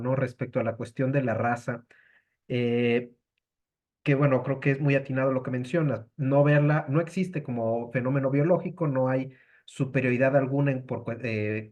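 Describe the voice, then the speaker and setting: A man's voice: medium pitch, darkish tone. Polite, hedging man asking a question. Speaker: audience member asking a question.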